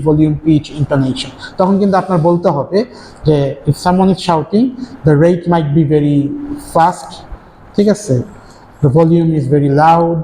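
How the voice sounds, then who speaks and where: Fast-talking man lecturing in an echoey hall. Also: fairly high pitch, dark tone. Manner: mixes Bengali and English, fast with frequent tag questions. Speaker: university lecturer. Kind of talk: classroom lecture. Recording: echoey hall, faint ambient noise.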